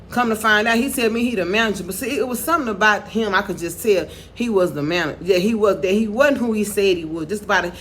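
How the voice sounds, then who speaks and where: A woman's voice: mid-range voice, fairly bright tone, slight background noise. Rambling woman vlogger. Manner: rambling, repetitive, with many restarts and "you know". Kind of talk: casual monologue to camera.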